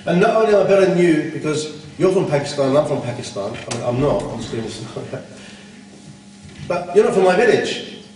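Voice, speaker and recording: His voice is a little high, expressive, and darkish in tone, moving at a moderate pace as he scolds bluntly in an Islamic conference talk full of rhetorical questions. The echoey hall is recorded from far away, with slight background noise.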